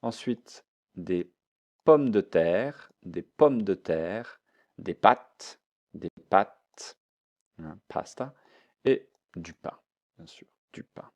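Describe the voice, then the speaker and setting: A man's voice: low voice, expressive, drawn-out words, darkish tone. A man teaching a French vocabulary lesson, repeating each word and mixing in English explanations.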